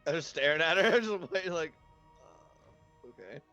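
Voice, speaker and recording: Guy player in a dnd game, super animated, jokey sweary banter, faint music in back. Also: fairly high pitch, moderate pace, lo-fi sound. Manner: jokey, profane, laughs often. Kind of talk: casual improvised role-play chat.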